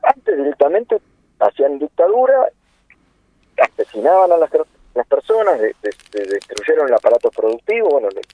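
A man's voice: fairly high pitch, big pitch swings, normal speed, no echo. Argentine man around 60 on a phone line. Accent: Argentine Spanish. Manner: earnest, many fillers and rhetorical questions. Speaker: interview guest, political activist. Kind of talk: impassioned political phone interview. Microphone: telephone. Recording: tinny dry phone line.

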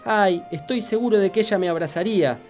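A man voicing a tiny, lonely yellow bird chick in a read-aloud storybook, in a high, plaintive voice. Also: animated, normal speed, faint music behind. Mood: tearful.

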